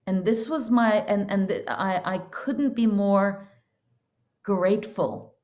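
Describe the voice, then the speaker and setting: Speaking slowly in a mid-range, darkish voice, a middle-aged woman from Norway reflects earnestly on her inner journey. She is a counselor and coach talking informally as a guest on a podcast.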